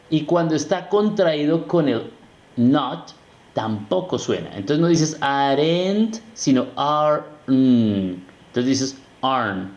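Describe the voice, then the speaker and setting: A man's voice: mid-range voice, darkish tone, roomy sound. A man whose first language is Spanish, teaching English pronunciation in an online lesson and patiently modelling each word with frequent checks on the learner. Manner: slow, patient modelling of words with repeated checks.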